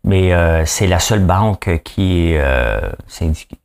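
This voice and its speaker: A man with a Québécois accent rants through the news in a folksy, emphatic way, firing off rhetorical questions and playing out little quoted exchanges. His voice sits very low and deep. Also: animated, unhurried, creaky, a little mellow, slight background noise. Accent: Québécois French. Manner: acts out quoted voices mid-rant. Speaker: podcast host. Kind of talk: opinionated news commentary.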